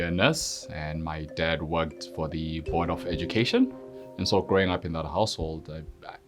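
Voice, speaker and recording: A middle-aged man from Zimbabwe, a police constable, telling his story in a measured, reflective way with frequent fillers. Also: low-pitched. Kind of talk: personal testimony interview. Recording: soft music underneath.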